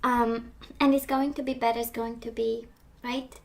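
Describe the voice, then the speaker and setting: A woman's voice: a little high, flat delivery, moderate pace, vocal fry, a little mellow. A woman giving a casual tarot reading, losing her voice and talking with many hesitations and restarts. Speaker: tarot reader. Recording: noticeable background noise.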